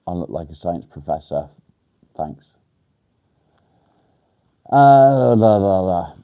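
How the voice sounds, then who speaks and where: An English livestream host answers viewer comments in a blunt, casual, straight-to-the-point way. His voice sits low and sounds nasal and congested from a blocked nose, animated but unhurried. The audio is narrow and tinny.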